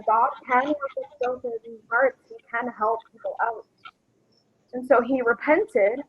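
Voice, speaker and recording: A woman tells a story slowly and deliberately, her slightly husky voice sitting a bit above the usual range for a woman. She comes through a laptop speaker on a video call. The sound is dull and lo-fi. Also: high-pitched. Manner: slow, measured storytelling. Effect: heard through a laptop speaker. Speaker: family member at a memorial. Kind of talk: telling a story while folding paper.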